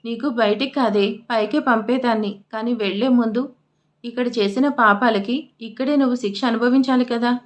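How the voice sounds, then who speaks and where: A defiant young wife, voiced by a woman narrator in an audio storybook. She answers back with cutting sarcasm, her voice a touch high. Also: steady tone, a little fast, lightly acted. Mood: sarcastic.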